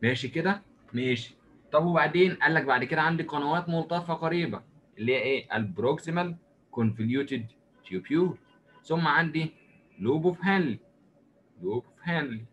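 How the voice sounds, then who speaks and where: A man with an Egyptian accent giving a recorded lecture, drawing as he goes and asking and answering his own questions in a lively, joking way. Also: a little high, fast, highs cut off, a little hiss or hum. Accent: Egyptian Arabic. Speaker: medicine lecturer.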